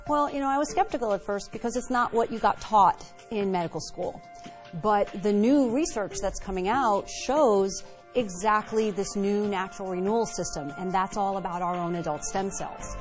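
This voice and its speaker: Woman doctor's testimonial over clear music. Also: mid-range voice, moderate pace. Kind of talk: conversational testimonial. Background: background music.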